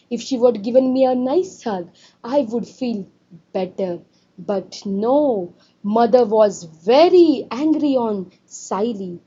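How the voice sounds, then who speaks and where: A woman's voice: on the high side, dark tone, slightly rough, muffled recording. A woman teacher, explaining a story to her students and asking them questions. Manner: repetitive, asks students questions. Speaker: English teacher. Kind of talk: classroom lesson explaining a story.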